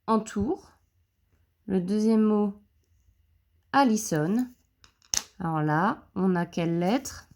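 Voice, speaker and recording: Slow, gravelly-voiced woman teaching handwriting. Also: medium pitch, darkish tone. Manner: slow, counting strokes aloud. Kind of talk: handwriting lesson for young pupils. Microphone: phone camera.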